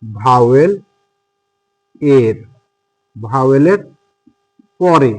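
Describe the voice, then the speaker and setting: A man teaching English spelling and silent letters, repeating each word slowly and spelling it out letter by letter, with frequent hesitations. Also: medium pitch, darkish tone, rough recording. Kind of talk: spelling and pronunciation lesson.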